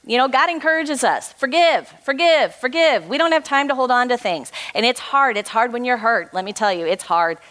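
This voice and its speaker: A woman's voice: on the high side, a little fast, hardly any pauses, sharp tone. Earnest woman in her forties exhorting a church. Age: 40s. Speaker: ministry co-founder speaking to a church group. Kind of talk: encouraging church talk ending in prayer.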